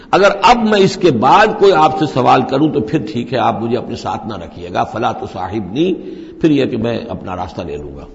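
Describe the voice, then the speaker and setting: A man teaching scripture in a long, echoing hall, his voice gravelly and edged with fry. He chants each verse slowly, then breaks it down in a long explanation. The recording is dull and lo-fi. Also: medium pitch. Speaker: religious teacher. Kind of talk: scripture commentary lecture.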